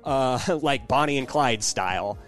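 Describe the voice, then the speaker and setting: A man talks casually as a co-host on a gaming podcast. His voice has an ordinary middle pitch. There is faint music behind him. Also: lively intonation, measured pace, a bit bright. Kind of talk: casual chat about video games.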